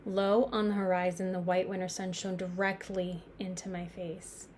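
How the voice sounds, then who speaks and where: A woman's voice: fairly low pitch, flat delivery, a little mellow, lightly acted. Actress as reflective woman in intense dramatic monologue, noisy recording. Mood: dazzled, wondering. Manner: halting, confiding, pausing and repeating words for emphasis. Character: reflective New York woman musing on mortality. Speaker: actor performing a stage monologue.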